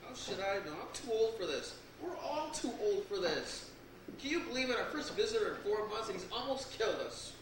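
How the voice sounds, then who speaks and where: A woman's voice: mid-range voice, animated, brisk, noisy background, lightly acted. An actress playing a weary older woman who makes dry, sarcastic quips. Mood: exasperated. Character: older woman, sardonic and exasperated. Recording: echoey stage from far off.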